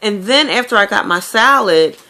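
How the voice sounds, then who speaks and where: A woman's voice: mid-range voice, animated, normal speed, bright, forceful tone. A woman talking candidly to her viewers in a casual video diary, telling stories with lots of fillers. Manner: chatty, candid storytelling with many fillers. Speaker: vlogger.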